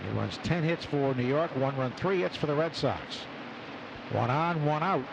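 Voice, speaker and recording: A radio announcer calls live baseball play-by-play from an open broadcast booth at an outdoor ballpark, with loud stadium ambience making the broadcast noisy. His voice is fairly high and creaky, with lively intonation at normal speed.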